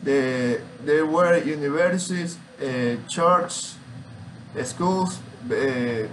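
Recorded indoors in a small home room, this rough clip has a young adult student hesitantly working through an informal oral presentation, slow and groping for words. His voice sits on the high side and sounds a bit bright, with some hiss or hum underneath.

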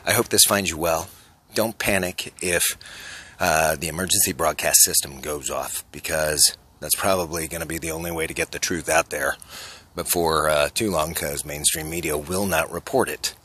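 A man's voice: a bass voice, steady tone, moderate pace, pushed and bright, slightly rough. A man in his forties vlogging to a phone held at arm's length on a city street at night, earnest and urgent, posing rhetorical questions. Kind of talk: selfie street vlog monologue.

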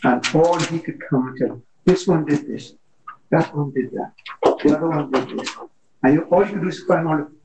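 A man's voice: on the high side, normal speed, darkish tone, slight background noise, rough recording. Earnest man in a church study group. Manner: earnest storytelling, repeats words. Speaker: class member. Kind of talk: Bible study discussion. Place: church meeting room.

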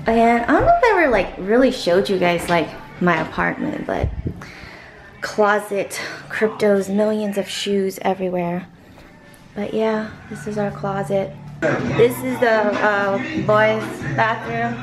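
A woman's voice: medium pitch, a little slow. A young woman chatting casually and playfully in slang as she hosts a party vlog from an apartment. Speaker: vlog host. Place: apartment during a house party. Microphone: handheld camera, held by her. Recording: loud music behind. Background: loud music.

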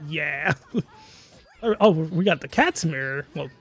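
A man in his twenties commentating a fighting game stream in a casual, laughing way, with quick excited calls of the action. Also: a little high, breathy edge. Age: 20s.

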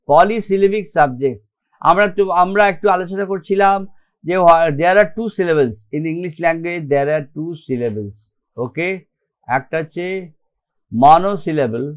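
High-voiced Bengali-accented male teacher. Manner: explains step by step, often checks with "okay?"; mixes English terms into his explanations. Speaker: grammar teacher. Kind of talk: online grammar lesson.

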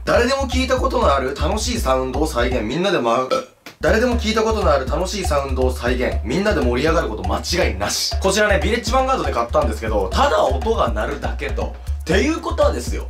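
A young man hosting a casual comedy video, joking and complaining with quick swings in his voice. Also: a little high. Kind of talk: casual comedic chat with impressions.

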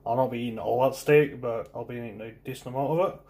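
A man's voice: mid-range voice, fairly even intonation, fast talker, warm tone. A young man talks casually to camera in a home fitness vlog, easygoing and plain-spoken, with frequent fillers. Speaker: fitness vlogger. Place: home, garage gym and living room.

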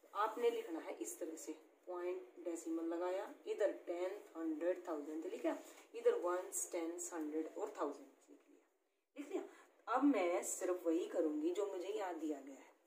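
A woman's voice: lowish voice, animated, normal speed, darkish tone. Woman teaching math in echoey room. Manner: explains step by step, often checking "ठीक है बच्चों?". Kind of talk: classroom-style math lesson. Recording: echoey room with faint background noise.

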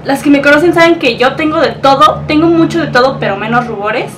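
A woman's voice: high voice, a little fast, faint music behind. Gushing Mexican woman, slightly distant mic. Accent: Mexican Spanish. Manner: gushing, emotional, exclamatory. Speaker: beauty vlogger. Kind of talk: unboxing vlog.

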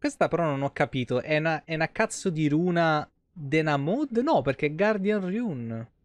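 Fairly high-pitched and at normal speed, the young streamer swears his way through casual gameplay commentary from his small home room. He reacts with animation to both the game and his chat, and there's no room sound.

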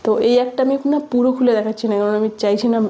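A woman's voice: a little high, fairly even intonation, very fast, dark tone. Chatty young woman with a lilt. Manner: chatty and informal, often trailing off to recheck her words. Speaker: vlogger. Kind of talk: casual vlog chat.

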